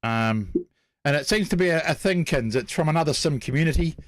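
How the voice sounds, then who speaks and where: A man's voice: a little high, lively intonation, brisk, no echo. Informal Kiwi man hosting a stream. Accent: New Zealand. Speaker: host. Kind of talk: casual live-stream hosting.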